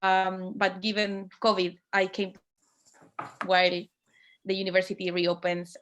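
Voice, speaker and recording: Female panelist, native Spanish speaker with Chilean accent, mid-pitched voice, informal introduction, halting delivery with repeated words. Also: completely flat delivery, fairly bright tone, dull audio, slight background noise. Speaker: panelist, environmental law academic.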